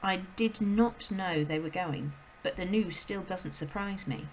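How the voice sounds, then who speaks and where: A woman voicing a kind young female teacher in a storybook read aloud, speaking calmly and gently as she explains. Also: fairly low pitch, a little slow, slight background noise, natural voice, low-quality recording. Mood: calm, gentle.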